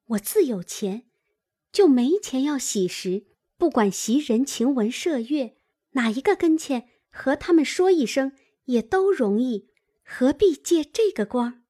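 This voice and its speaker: Woman voicing a gossipy young maid, slow lilting lively voice, storybook reading. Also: sits high, slightly rough, exaggerated voice. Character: chatty young maid girl, gossipy and indignant.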